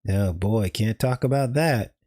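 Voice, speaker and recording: A man's voice: lowish voice, measured pace, mellow. A man hosting a livestream, talking casually to viewers while his audio glitches and cuts out. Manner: talks straight to viewers, chuckles at his own remarks. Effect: glitchy livestream audio cutting out. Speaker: livestream host. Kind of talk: casual opinion commentary.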